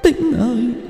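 A man voicing the vengeful ghost of a dead old mother, calling in slow, drawn-out wails. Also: sits high, pitched above the performer's own voice, exaggerated voice. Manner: slow, drawn-out wailing calls. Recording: roomy echo with reverb and faint music.

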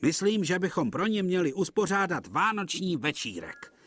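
An eager, cheerful little tank engine, voiced by a man, in a children's TV cartoon. He pipes up high and lively, with bright, excited exclamations. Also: slight background noise.

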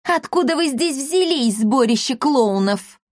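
A sharp-tongued young witch girl, put on by a woman reader in a storybook. She sneers and mocks in a high, leaping voice. The recording is close and dry. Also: animated, a little slow, no room sound. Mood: annoyed. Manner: taunting, sarcastic. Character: cocky young witch girl, mocking and scrappy.

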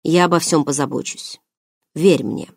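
Self-assured playful male alien, read by a woman narrator, teasing and low-pitched, close and dry. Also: lively intonation, normal speed, dry recording. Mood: teasing calm.

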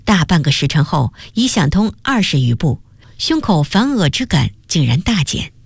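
A woman presenting a radio program and reading a novel aloud in a measured, expressive storytelling manner. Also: low-pitched, gravelly, breathy edge, no room sound.

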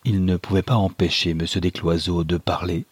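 A man reading a classic novel aloud as an audiobook, in a measured, steady way. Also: low voice, slightly rough, no room sound. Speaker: audiobook reader. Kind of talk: scripted narration of a novel.

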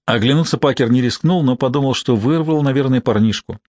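Male audiobook narrator, measured delivery, middle pitch, dry booth sound. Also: darkish tone, no room sound. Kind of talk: scripted narration.

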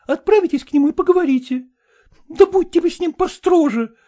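A man doing a tearful young woman, high and pleading. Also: fairly quick, warm tone.

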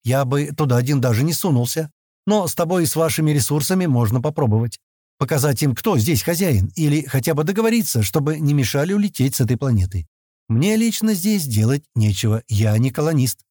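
A man reads a wary, scheming space fugitive who boasts about his exploits. The voice is mellow and dark, with animated pitch swings. It is recorded dry and close. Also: fairly quick, no room sound. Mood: boastful.

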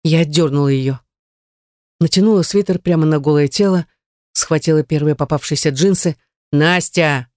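A woman's voice: deep voice, a little fast, dark tone, no echo. Brief: woman, first-person audiobook narrator, emotional and intense, dry studio sound.

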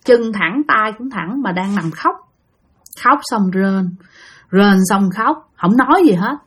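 A woman's voice: mid-range voice, animated, takes it slowly, husky. Chatty woman storyteller. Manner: chatty, addresses listeners directly, vivid retelling. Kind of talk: casual spooky storytelling narration.

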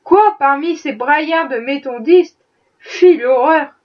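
A woman's voice: sits high, slow, echoey room, far from the mic, muffled recording. A woman reading a novel aloud, voicing a haughty, self-pitying rich lady in a prim, disapproving way. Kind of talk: audiobook reading.

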